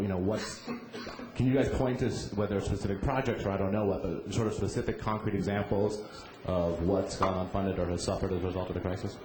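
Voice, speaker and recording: A man, a journalist, asking questions from the audience with quick, stumbling restarts. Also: lowish voice. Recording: echoey conference hall with noise.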